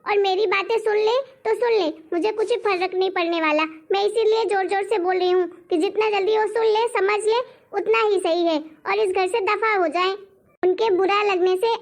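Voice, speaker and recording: Cartoon role: a woman voicing a loud, rude young wife with a very high, gravelly voice, scolding without pause. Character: defiant young wife who scorns her mother-in-law. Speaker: daughter-in-law. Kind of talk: cartoon story voice acting.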